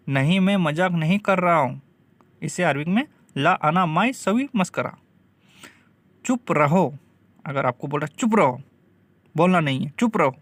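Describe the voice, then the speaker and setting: Male tutor, slow and deliberate, bright voice, dry close sound; drills phrases by repetition. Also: a little high, no room sound. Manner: slow, repeats each phrase, saying Arabic words slowly and clearly. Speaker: Arabic language teacher. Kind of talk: spoken phrase lesson.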